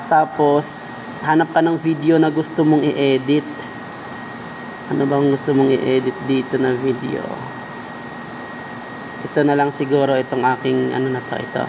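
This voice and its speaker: A man with a Filipino accent delivers a casual video editing tutorial step by step, talking to the viewer like a buddy. His mid-range voice has little pitch movement and normal speed, with long pauses and background noise.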